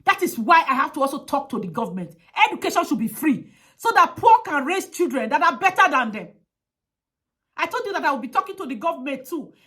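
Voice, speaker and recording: A woman's voice: high-pitched, very animated, fairly quick, pushed and bright. A woman giving an impassioned advocacy monologue, emphatic and pleading, with heavy repetition.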